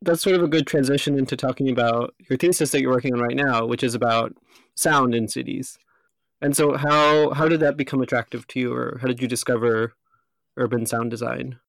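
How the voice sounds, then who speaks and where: A man hosting a podcast, who introduces his guests and asks them measured, curious questions. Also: mid-range voice, steady tone, gravelly. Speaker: podcast host. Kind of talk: podcast interview.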